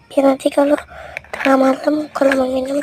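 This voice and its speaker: High-pitched hoarse woman, flat delivery. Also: normal speed, background noise. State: hoarse from a cough. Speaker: vlogger. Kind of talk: casual narrated tidying vlog.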